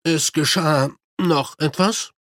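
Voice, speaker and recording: Man doing army major, weary, exasperated, terse, fairly high voice, dry sound. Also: slow, a bit bright, no room sound.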